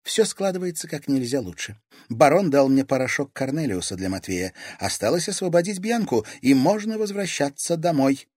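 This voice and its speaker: Audiobook heroine: brave teen schoolgirl, voiced by a man, high and earnest. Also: big pitch swings, normal speed, darkish tone, dry recording, studio quality. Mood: pleased. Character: teenage schoolgirl heroine, determined. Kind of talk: audiobook character voice.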